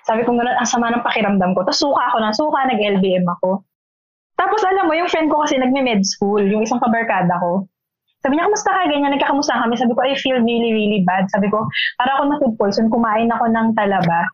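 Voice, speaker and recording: A young woman from the Philippines, a podcast co-host telling an animated story in casual chat. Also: fairly high pitch, fast talker, no echo, dull audio. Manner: animated storytelling, switches between Filipino and English.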